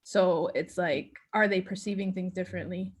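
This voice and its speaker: A woman's voice: fairly low pitch, steady tone, moderate pace, slightly rough. A woman sharing thoughts in a casual group discussion, chatty and leaning on "like" as she talks. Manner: chatty, leans on "like". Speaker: class participant with a cognitive science degree.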